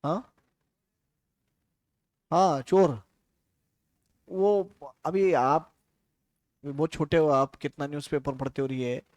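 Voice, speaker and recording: A man's voice: on the high side, slow pace, pauses often, darkish tone, no echo. A man from India giving a casual, chatty classroom lecture, telling stories and asking his students questions.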